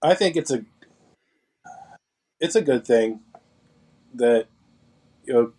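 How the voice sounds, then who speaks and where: A man in casual conversation, talking in a measured, reasoning way as a co-host. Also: mid-range voice, animated, dark tone.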